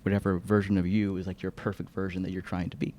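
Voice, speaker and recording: A man's voice: low-pitched, flat delivery, quick pace, mellow. A man hosting a podcast, enthusiastic and appreciative in casual conversation. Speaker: podcast host. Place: library room.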